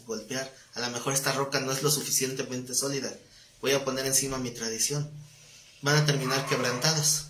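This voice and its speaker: A man's voice: medium pitch, a bit bright. A Bible teacher talks his class through a lesson in an easy, conversational way, tossing them questions and the odd joke. His mid-range voice rings in an echoey room over faint background noise. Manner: conversational, quizzes the class, jokes. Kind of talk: live Bible class lecture. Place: classroom with students.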